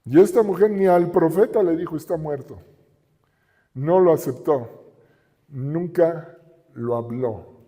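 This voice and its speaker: In a reverberant hall, a middle-aged man with a Mexican Spanish accent delivers a sermon as a pastor, leaning on rhetorical questions and emphatic repetition. He speaks with a warm tone at a measured pace, his voice on the high side.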